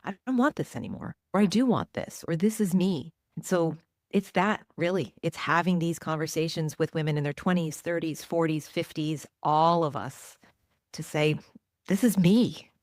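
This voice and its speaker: A woman's voice: sits low, moderate pace, a little mellow, dry recording, clean studio sound. A woman in her forties, a journalist and author, answering interview questions in a reflective, earnest way. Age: 40s.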